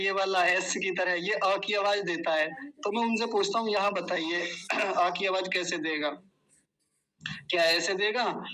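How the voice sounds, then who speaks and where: A man teaching the exact pronunciation of a chant, saying each word slowly and then explaining in quick, corrective asides. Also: high-pitched, sharp tone, rough recording. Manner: corrective, stresses exact sounds. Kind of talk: recitation lesson.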